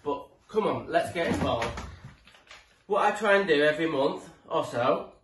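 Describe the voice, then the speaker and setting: A British tradesman in his forties, with a fairly high, animated voice at a moderate pace, gives rambling tool tips to a camera a few feet away. He's chatty and matey, with some mild swearing. The recording is from an echoey indoor living room, with a distant mic and background noise.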